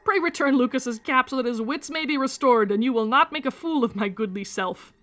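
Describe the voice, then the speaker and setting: A man's voice: sits high, normal speed, fairly bright tone. A woman voicing a teasing old-fashioned village man who talks in archaic, theatrical phrases.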